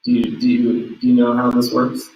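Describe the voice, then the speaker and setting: Youth group host, relaxed and encouraging, mid pitch, recorded from across a roomy space. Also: male voice, normal speed. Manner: easygoing, encouraging, frequent ums. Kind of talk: casual livestream chat. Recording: roomy room, mic at a distance.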